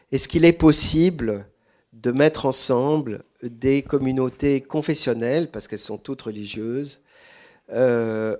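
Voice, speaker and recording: A man speaking off the cuff as a guest at a public talk, deliberate and hesitant, repeating words for emphasis. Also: mid-range voice, a little mellow. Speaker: guest author answering audience questions. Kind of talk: extemporaneous answers at a public talk.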